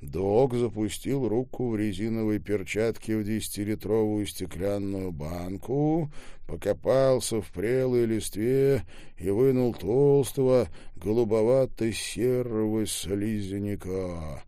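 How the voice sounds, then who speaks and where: Low-voiced male narrator. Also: slow pace, mellow, clean tone, dry recording, clean studio sound. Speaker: audiobook narrator. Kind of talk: scripted narration.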